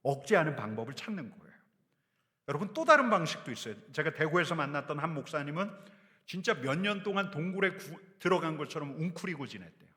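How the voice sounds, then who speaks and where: Lively, bright-voiced male pastor preaching. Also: on the high side, fast talker. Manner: animated, addresses congregation directly. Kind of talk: sermon. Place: church sanctuary. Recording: long church hall reverb.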